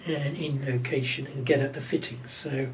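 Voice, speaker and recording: Narrating his work in a relaxed how-to style, a sixties-aged boat-building vlogger talks through each task in a boatyard and inside a barge under refit. He has a mid-range, fairly even voice at normal speed, over a noisy background.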